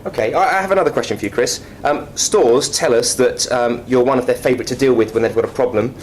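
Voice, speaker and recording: A man's voice: medium pitch, fast talker, a little hiss or hum. A man with a British accent co-hosting a mock chat show, cheeky and teasing. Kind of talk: casual chat.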